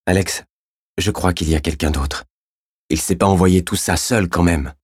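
A man's voice: sits low, moderate pace, husky, dry recording, clean studio sound. A man voicing a tough male gendarme who presses a suspect for answers in a raised voice. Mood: pressing.

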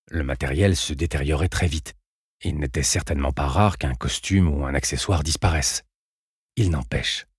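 Deep, husky male audiobook narrator. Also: no room sound, studio quality. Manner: measured, sober storytelling. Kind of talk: first-person novel narration.

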